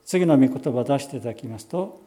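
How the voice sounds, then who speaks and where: A pastor giving a sermon, explaining scripture in a measured way and slowing down on key phrases. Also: male voice, medium pitch, expressive, mellow. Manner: measured, explanatory preaching with slowed emphatic phrases.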